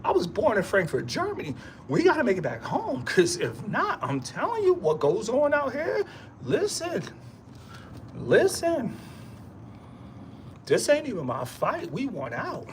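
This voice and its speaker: A vlogger with a high voice delivers a rambling motivational speech full of street slang and emphatic repetition, laughing as he speaks. A little hiss or hum can be heard in the recording.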